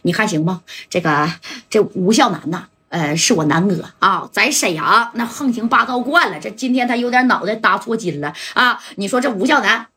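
A woman's voice: mid-range voice, expressive, normal speed, bright, forceful tone, slightly rough. A woman with a Northeastern Chinese accent telling a gangland story in colloquial speech, swearing and turning to the listener with asides. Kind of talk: gangland storytelling with voiced characters.

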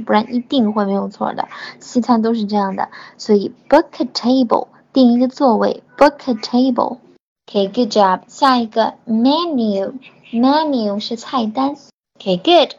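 Husky woman teacher, slow careful english words, praises everyone, kinda muffled audio. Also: on the high side, darkish tone. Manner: models English words slowly and repeats them, praises learners. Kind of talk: online English lesson. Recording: dull lo-fi audio.

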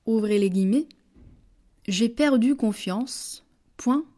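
A woman reads a French dictation very slowly and deliberately, speaking the punctuation aloud and reading each phrase twice. Her tone is warm and mellow, and she drops low on the punctuation words.

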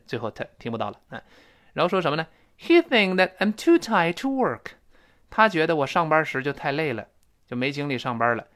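A man speaking with a Mandarin Chinese accent, explaining English pronunciation and repeating words slowly to demonstrate them. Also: medium pitch, a bit bright. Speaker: English teacher.

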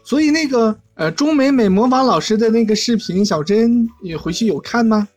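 A woman's voice: fairly high pitch, lively intonation, normal speed, darkish tone. A woman hosting a live chat show in a casual, chatty and giggly way. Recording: music bed behind the voice.

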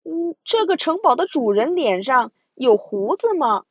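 Storybook role: woman playing a curious little boy bear cub, raised lively voice, dull lo-fi sound. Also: high voice, a little slow, no echo, pitched above the performer's own voice, heavily acted. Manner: bright, eager questioning.

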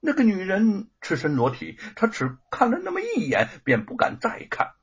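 A man narrating a serialized story with lively, dramatic delivery, on a dull lo-fi recording. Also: high-pitched, normal speed, gravelly, husky.

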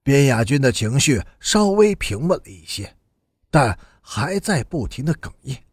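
A man narrating an audiobook novel in steady storytelling, with expressive rises and falls. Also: medium pitch, a little slow, breathy edge, dry recording, studio quality.

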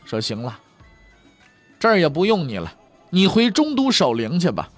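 A male storyteller voicing a stubborn, angry emperor with a commanding, drawn-out delivery. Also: mid-range voice, huge pitch swings, slightly rough, soft background music, pitched below the performer's own voice, heavily acted. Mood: resigned.

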